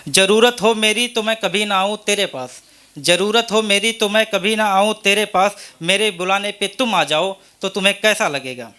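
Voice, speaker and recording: Man, open mic poet, Hindi accent, repetitive poetry recitation, high voice, bright tone. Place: open mic event venue.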